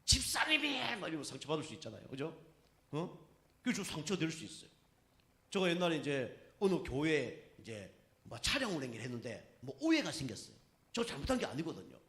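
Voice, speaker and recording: Animated Korean pastor in an echoey church. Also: male voice, fairly high pitch. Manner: animated storytelling, voicing others in quotes. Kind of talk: sermon. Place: church sanctuary.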